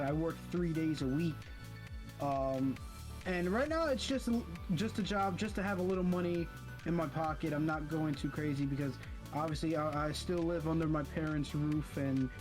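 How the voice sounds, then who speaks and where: A young man chats over a voice call in a fairly high voice. He rambles and trips over his words, restarting his sentences as he goes. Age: young adult. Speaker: college student guest. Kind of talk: casual chat over a voice call.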